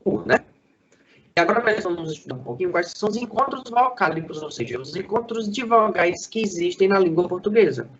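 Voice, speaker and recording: A male school teacher giving a Portuguese lesson, sounding out syllables slowly and quizzing a student. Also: sits high, highs cut off. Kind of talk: lively classroom lesson for sixth graders.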